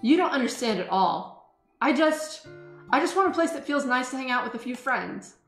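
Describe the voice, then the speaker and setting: A woman's voice: high voice, animated, moderate pace, fairly bright tone. A woman voicing a blunt, defensive teenage schoolgirl in an amateur visual novel reading, emphatic and petulant. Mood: indignant, hurt. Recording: roomy sound, music behind.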